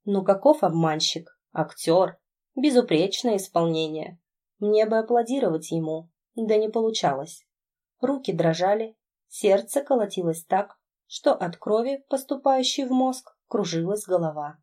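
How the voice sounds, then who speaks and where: A woman narrating an audiobook in the first person, telling the story in an emotional, expressive way. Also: medium pitch, a little slow.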